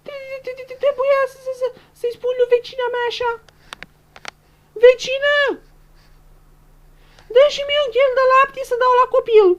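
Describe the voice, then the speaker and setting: A shrill, stammering, weepy young bride-show winner. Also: female voice, flat delivery, few pauses, darkish tone, highs cut off. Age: young adult. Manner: stuttering, repeating syllables, near tears. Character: giddy, tearful young female reality-show winner who stutters and loses words. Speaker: interviewee. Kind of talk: comedic sketch acting.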